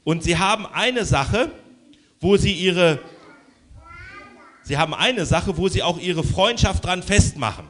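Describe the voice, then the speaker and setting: A man telling a children's story aloud, lively with hushed asides. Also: high voice, unhurried, long pauses.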